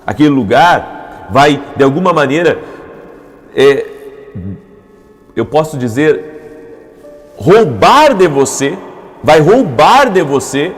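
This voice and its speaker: A man's voice: a little high, lively intonation, slow pace, pauses often, long reverb tail. A man preaching a devotional morning sermon, with repeated emphatic phrases that build into urgent appeals. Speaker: pastor.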